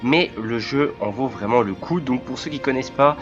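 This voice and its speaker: A man with a cold hosting his first game let's play video, talking hesitantly with many filler pauses as he explains the game. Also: medium pitch, muffled recording. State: sick, voice cracking. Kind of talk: game commentary. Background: faint game music.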